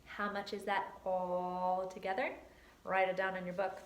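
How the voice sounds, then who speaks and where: A woman's voice: fairly low pitch, flat delivery, unhurried. A woman teacher giving a recorded homework lesson, chatty and playful with silly catchphrases. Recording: echoey room.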